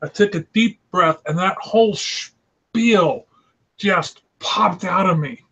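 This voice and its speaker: A middle-aged man telling anecdotes on a video call, theatrical and quick, bursting into a showy one-breath phone greeting and laughing often. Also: high voice, husky. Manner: animated anecdote teller who laughs often. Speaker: illustrator and show regular. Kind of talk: casual storytelling on a video call. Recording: slightly dull lo-fi call audio.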